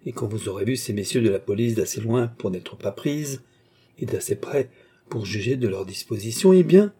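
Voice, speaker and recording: A man's voice: medium pitch, mellow, breathy edge. A man voicing a suave, mysterious nobleman who talks in a teasing, insistent, emphatic way in an audiobook. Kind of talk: audiobook character reading.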